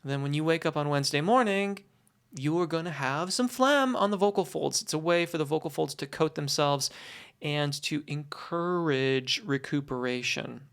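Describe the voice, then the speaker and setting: Voice coach for Q&A lesson: medium pitch, conversational, reassuring, articulate, explains things deliberately. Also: a bit bright, smooth. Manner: encouraging, reassuring. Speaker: voice teacher, host answering questions.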